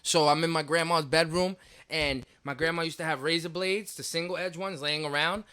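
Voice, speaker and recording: A young man co-hosting a podcast, telling childhood stories in a loose, animated way and acting out the voices. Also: fairly high pitch, moderate pace, clear, resonant tone. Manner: animated storyteller, acts out voices, laughs often. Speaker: podcast co-host. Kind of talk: casual chat.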